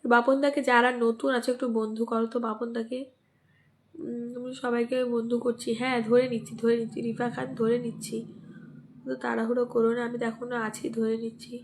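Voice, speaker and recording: Woman with a cold, gravelly low-key voice. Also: level tone, a little fast, darkish tone. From West Bengal, India. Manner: greets and thanks commenters by name, asks for mentions. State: sore throat and cold, coughing. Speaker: live stream host. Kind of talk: casual live-stream chat with viewers.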